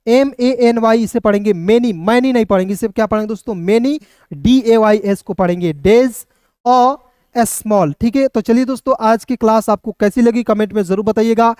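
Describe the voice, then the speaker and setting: A man teaching an online English reading lesson, spelling words out letter by letter, then pronouncing them slowly and checking in with his viewers again and again. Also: high-pitched, darkish tone, clean tone, no room sound, clean studio sound. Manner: keeps addressing viewers as friends and checking with "okay".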